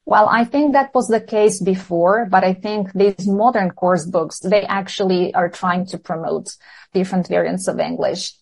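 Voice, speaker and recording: A woman with a Serbian accent who is a language teacher. She speaks English as her second language and explains her ideas in an earnest, measured way. She sounds like a guest answering questions in a podcast interview. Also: mid-range voice, steady tone, gravelly, husky, poor audio.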